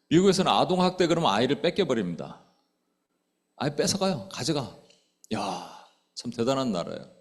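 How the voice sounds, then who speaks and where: Man preaching with lively, animated pitch. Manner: conversational, asks the congregation questions; acts out quoted speech with sudden loud outbursts. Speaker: pastor. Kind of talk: sermon. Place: church sanctuary.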